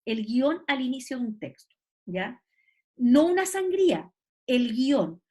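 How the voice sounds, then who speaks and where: A woman's voice: high-pitched, sing-song, slow, dark tone. A woman teacher gives an online class, explaining patiently and often checking that students follow. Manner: explanatory, checks understanding with "¿cierto?" and "¿ya?".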